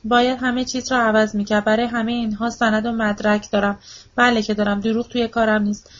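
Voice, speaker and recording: A woman's voice: a little high, level tone, lightly acted. A woman reading the part of a desperate, grieving old widow who pleads and repeats herself, in a storybook reading. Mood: insistent. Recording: dull lo-fi audiobook recording.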